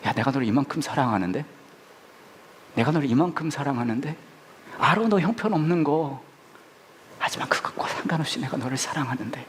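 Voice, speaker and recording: God talking gently, guy doing it, soft and earnest. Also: mid-range voice, animated, brisk, long pauses, slight background noise, close to an everyday voice. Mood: tender. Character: God speaking tenderly to a person.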